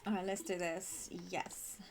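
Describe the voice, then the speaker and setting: A bubbly woman streaming a game talks affectionately to her viewers and giggles easily, her throat slightly croaky and in need of clearing. Her voice is on the low side with little pitch movement, and music plays behind her.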